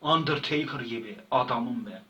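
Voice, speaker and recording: A man's voice: mid-range voice, moderate pace, pushed and bright, far from the mic, lo-fi sound, slight background noise. A man telling a rambling comic story in casual slang, often repeating and stumbling over words. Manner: repetitive, slangy, stumbling retelling. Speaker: channel host.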